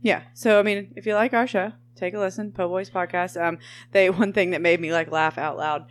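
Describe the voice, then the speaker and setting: A woman's voice: lowish voice, fairly even intonation, fairly quick. A woman co-hosting a podcast, chatting casually in a rambling way with trailing starts. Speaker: podcast co-host. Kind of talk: casual chat.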